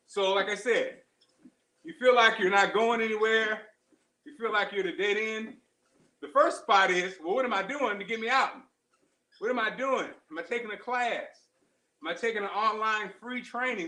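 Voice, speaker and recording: High-voiced man talking while running, echoey room. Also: sharp tone. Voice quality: emphatic, repeats phrases for stress. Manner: talking while running on a treadmill, in short exerted phrases. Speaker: show host. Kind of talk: casual motivational livestream chat. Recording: roomy, echoing live-stream sound.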